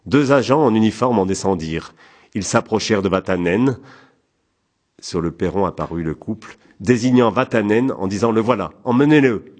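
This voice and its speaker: A man narrating an audiobook in a calm, even, measured way. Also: lowish voice.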